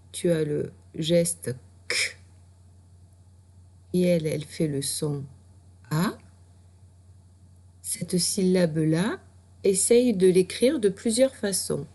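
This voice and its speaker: A woman teacher, slowly and patiently spelling out letters and sounds for a child in a recorded reading lesson. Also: lowish voice, dark tone. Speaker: primary school teacher.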